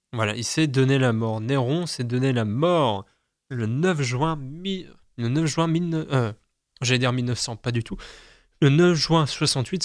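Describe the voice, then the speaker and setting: A man's voice: medium pitch, no echo. Chatty young man, dry close sound. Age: young adult. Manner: chatty, self-mocking, stumbles over words. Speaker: host. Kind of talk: casual reading of daily almanac.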